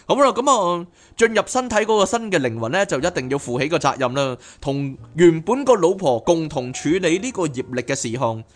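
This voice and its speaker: A man reads a book aloud as podcast host and breaks off into animated, chatty asides. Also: on the high side, fairly quick, hardly any pauses. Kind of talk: reading a book aloud with commentary.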